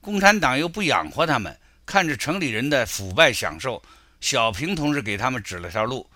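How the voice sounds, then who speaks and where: A middle-aged man delivers argumentative political commentary with a bright, forceful tone. His pitch swings in a lively way as he builds his case and tells anecdotes. The recording is dry and close, with no room sound. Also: moderate pace, dry recording. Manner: critical, argumentative, storytelling.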